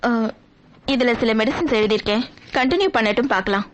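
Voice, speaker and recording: An actress playing a brisk, reassuring woman doctor who calms her patient. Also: fairly high pitch, lightly acted. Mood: calm professional. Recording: dull film soundtrack with faint music.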